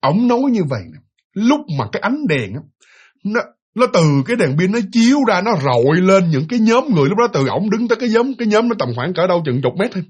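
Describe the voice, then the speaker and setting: A man with a Southern Vietnamese accent, casually retelling a ghost story in an animated way, full of fillers and repeated words. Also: high-pitched, quick pace, breathy edge.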